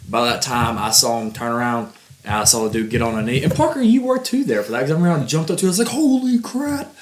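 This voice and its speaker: A man's voice: medium pitch, racing, a little hiss or hum. A man with a Southern US accent, co-hosting a casual podcast chat and telling stories animatedly with lots of fillers. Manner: animated storyteller, drawling with fillers. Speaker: podcast co-host.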